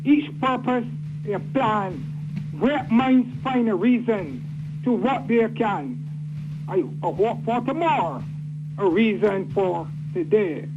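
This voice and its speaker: A man calling in to a radio show, speaking in a formal, flowery, deliberate way. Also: sits high, expressive, darkish tone. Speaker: caller. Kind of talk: phoned-in radio comment. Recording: dull lo-fi phone line with noise.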